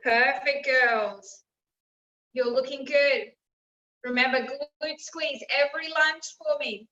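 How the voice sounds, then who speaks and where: A woman's voice: high-pitched, steady tone, takes it slowly, sharp tone. A woman leading a group workout as fitness instructor, giving encouraging cues and instructions. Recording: roomy, distant mic, slightly dull.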